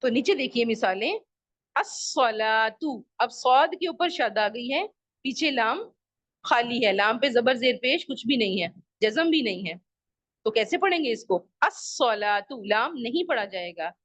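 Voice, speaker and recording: Woman teaching kids over a video call, high animated voice, repeats everything, dry mic. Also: moderate pace, no echo. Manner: patient, repeats rules and examples, asks the class questions. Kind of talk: online Arabic grammar lesson for children. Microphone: video call microphone.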